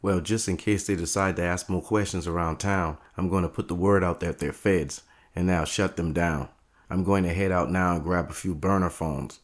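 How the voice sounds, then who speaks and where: In an audio drama, a man plays a guarded, plain-spoken barbershop owner who stands firm against mobsters. His low voice holds a steady tone at a moderate pace, calm and resolute.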